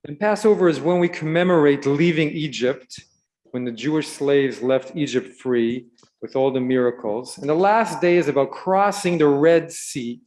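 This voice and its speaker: A man who was born in Israel gives a gentle, storytelling sermon to children at a Shabbat service and asks them questions along the way. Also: fairly high pitch, normal speed. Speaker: rabbi. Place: synagogue sanctuary.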